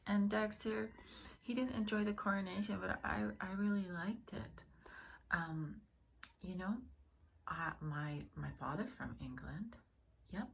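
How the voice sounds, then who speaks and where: A woman's voice: lowish voice, creaky. A woman chatting casually and affectionately to her cats, drifting between cooing pet talk and rambling asides. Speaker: pet vlogger. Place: indoors at home. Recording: noticeable background noise, home video.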